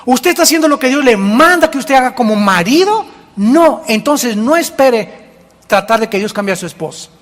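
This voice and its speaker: A male pastor preaching a sermon in an animated way, acting out the church members he quotes. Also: extremely high pitch, moderate pace. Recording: long hall reverb.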